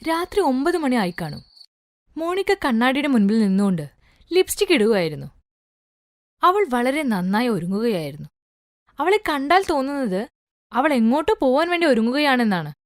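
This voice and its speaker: A woman narrating a cartoon bedtime story in an expressive, scripted way. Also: high-pitched, moderate pace, long pauses, dry recording, studio quality.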